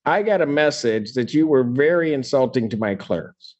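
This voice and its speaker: A man speaking as a judge, heard on a courtroom recording, measured and deliberate. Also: medium pitch, lively intonation, darkish tone, lo-fi sound.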